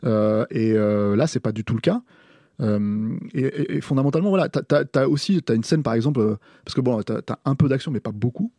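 A man who is a film critic on a podcast, talking through a review in a casual, halting way with frequent restarts and hesitations. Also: medium pitch, lively intonation, dark tone, dry recording.

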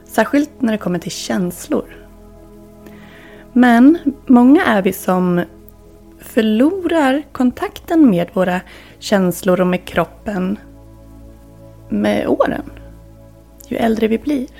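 A woman hosting a wellness podcast, talking in a calm, reflective, instructive way that sometimes drops to near-whispers. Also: a little high, creaky, long pauses, faint music behind. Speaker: podcast host and wellness coach.

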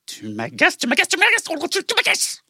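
Husky mad scientist spider villain, wildly swooping. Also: female voice, high-pitched, sing-song, slow, fairly bright tone, no room sound, clean studio sound, heavily acted. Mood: furious, exasperated. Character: boastful evil mad scientist spider piloting a robot. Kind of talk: audio story acting for children.

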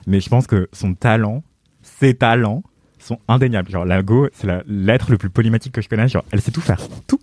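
A man chatting on a podcast, gushing and talking fast, with lots of fillers and restarts. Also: on the low side, a little mellow, no room sound, clean studio sound. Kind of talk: casual podcast chat.

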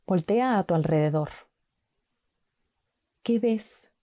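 A woman slowly guiding a mindfulness walk with calm, gentle instructions and long pauses. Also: mid-range voice, dry recording, clean studio sound. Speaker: meditation guide.

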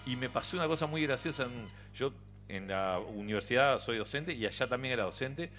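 Faint music sits behind this middle-aged Uruguayan-accented man as he chats as a radio studio guest. He's expressive and fairly quick, with a medium pitch and fairly bright tone. A chatty storyteller in a relaxed conversation, he laughs often and restarts a lot.

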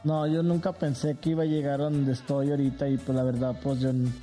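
Shy guy from leon guanajuato, very dark mellow voice, lots of "pues", music faint. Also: mid-range voice, level tone, fairly quick. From León, Guanajuato, Mexico. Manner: shy, hesitant, filler-heavy. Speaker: guest. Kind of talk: casual interview.

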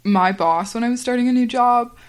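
A young woman hosting a podcast, telling casual stories in a chatty voice full of fillers and quick laughs. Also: on the high side. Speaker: podcast host. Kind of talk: casual storytelling monologue.

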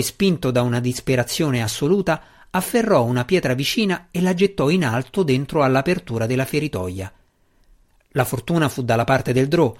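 Man, audiobook narrator, fantasy reading, steady measured delivery, mid-pitched voice. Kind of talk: scripted narration.

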